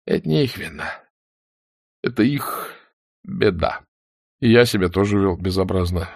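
A male narrator voicing an old bookish man who speaks in a measured, reproachful manner. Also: sits low, expressive, creaky, no room sound, studio quality, heavily acted. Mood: gentle. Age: older. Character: old bookish man, stern then gentle.

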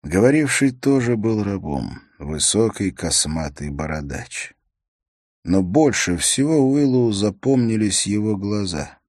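Man, audiobook narrator, measured storytelling, very low pitch, dry close sound. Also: animated, a little mellow, no echo.

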